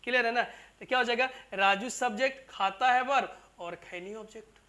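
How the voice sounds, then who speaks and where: A teacher runs a classroom grammar lesson, and the voice has a bright, sharp edge. The teacher goes over each example more than once and keeps checking that the students are following, calling them "babu" and "bhai". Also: medium pitch, normal speed. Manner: repetitive, keeps asking "clear?" and calls students "babu" and "bhai". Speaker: English teacher.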